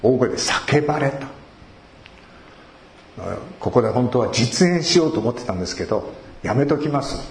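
A man's voice: expressive, moderate pace. Male pastor, conversational sermon, reverberant room, light background hiss. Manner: conversational preaching with rhetorical questions, sudden rises in pitch. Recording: echoey room.

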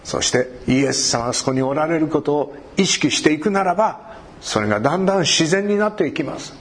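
A man's voice: fairly high pitch, animated, a little fast. A man preaching a sermon. He talks animatedly, cracks jokes and acts out short everyday conversations. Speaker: pastor.

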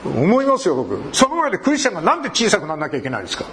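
A man's voice: high-pitched, wildly swooping pitch, racing, fairly bright tone, a little hiss or hum. A man preaching a sermon. He talks animatedly, cracks jokes and acts out short everyday conversations. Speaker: pastor.

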